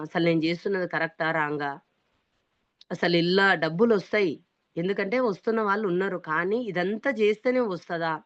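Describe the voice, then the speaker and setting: A woman's voice: lowish voice, dry recording. Earnest Telangana-accented woman, dull recording. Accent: Telangana Telugu. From Hyderabad, India. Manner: earnest and emphatic, often stressing that she is being sincere. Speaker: business testimony speaker. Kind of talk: motivational testimony talk. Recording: dull, dry, lo-fi sound.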